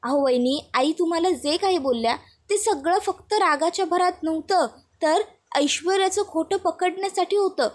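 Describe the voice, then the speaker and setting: A woman's voice: very high-pitched, normal speed, pitched above the performer's own voice. A woman voicing a young sister-in-law who talks in a coaxing, reassuring way.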